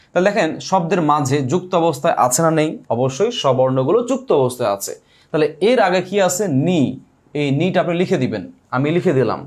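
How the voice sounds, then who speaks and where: A male grammar teacher giving an online exam-prep lesson, who repeats key points and keeps asking his listeners quick check questions. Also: on the high side.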